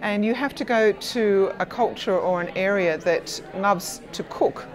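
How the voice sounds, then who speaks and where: A chatty woman with a mid-range voice tells lively anecdotes. A faint crowd is audible behind her. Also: medium pitch, a little slow, rough recording. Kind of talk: vox pop interview.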